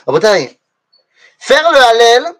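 A man's voice: very high voice, takes it slowly. A man teaching a lesson to his students, explaining things step by step and often throwing questions back at the class. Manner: animated, asks the class rhetorical questions.

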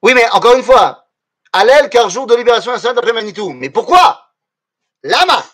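A man's voice: extremely high pitch, a little fast. A man teaching a lesson to his students, explaining things step by step and often throwing questions back at the class. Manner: animated, asks the class rhetorical questions.

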